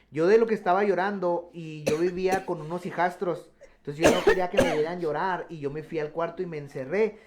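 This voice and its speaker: On a radio program, a man shares his personal testimony as a guest. His voice is fairly high with a darkish tone, and he tells the story earnestly, restarting his sentences often.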